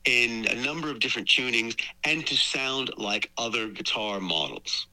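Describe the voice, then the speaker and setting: A man, a guitarist being interviewed, who explains technical details thoughtfully with pauses. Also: mid-range voice, sharp tone, poor audio. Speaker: guitarist and guest. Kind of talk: casual interview chat.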